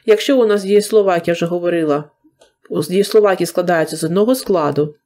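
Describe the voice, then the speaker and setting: A Ukrainian-accented woman gives a recorded English grammar lesson in a somewhat low voice. She explains spelling rules step by step with patience. She slows down deliberately whenever she reads out English examples. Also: warm tone. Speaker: English teacher.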